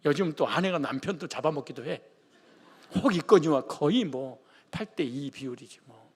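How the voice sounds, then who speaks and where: A man's voice: on the high side, lively intonation, moderate pace, slightly rough. A male pastor from the Jeolla region of Korea preaching a sermon in a colloquial, joking manner. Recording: long reverb of a large hall.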